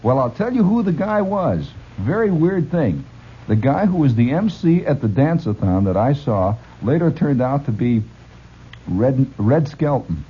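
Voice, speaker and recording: A man's voice: mid-range voice, a little slow, husky. A man from Illinois, a radio host telling a rambling story with laughs and restarts. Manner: animated, laughing, full of restarts. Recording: dull lo-fi radio recording.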